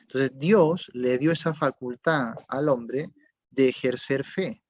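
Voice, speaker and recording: A man's voice: mid-range voice, slow pace, dry recording. A male pastor preaching a sermon, asking rhetorical questions and checking that listeners follow. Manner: rhetorical questions with tag checks, swings from loud to soft. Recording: dull lo-fi dry recording.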